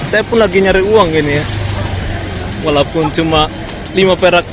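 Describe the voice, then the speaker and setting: Here a high-voiced man speaks at a moderate pace, a Jakarta vlogger with a Batak accent chatting away to viewers he keeps calling friends. He's walking through a busy city street, and the recording picks up the crowd and music around him.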